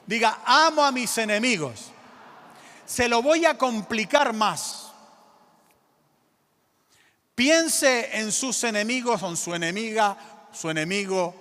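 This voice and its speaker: In a reverberant church hall, a male pastor with a high, somewhat bright voice preaches emphatically. He calls out to the congregation and presses them to answer back in call-and-response.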